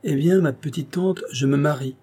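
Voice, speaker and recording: A man's voice: a little high, moderate pace, breathy edge, voice pushed up. A man reading aloud voices a timid, devoted young man who speaks with humble respect. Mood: eager. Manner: gentle, respectful pleading.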